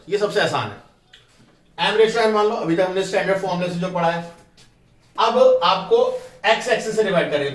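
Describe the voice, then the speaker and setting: A man with a fairly high voice teaches a math class, walking through each step and firing quick questions at his students. He on terms. The sound is roomy and echoey, with him standing a bit back from the mic. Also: recorded from a distance.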